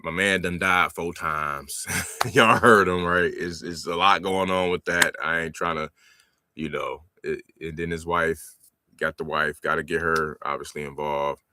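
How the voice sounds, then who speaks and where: A man's voice: deep voice, fairly even intonation, unhurried, sharp tone, a little hiss or hum. A man in his forties hosting a live stream about real estate wholesaling, talking in a laid-back, slangy way and laughing often. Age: 40s. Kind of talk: live-stream sales calls and commentary.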